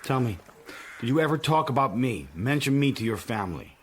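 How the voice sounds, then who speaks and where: An actor playing Tom, a watchful, worldly man in a radio drama, speaking in a measured, guarded way. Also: mid-range voice, very animated, a little hiss or hum, close to an everyday voice. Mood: reassuring, probing. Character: Tom, watchful worldly man sheltering a runaway, narrating his thoughts. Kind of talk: radio drama narration and dialogue. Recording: music under the voice.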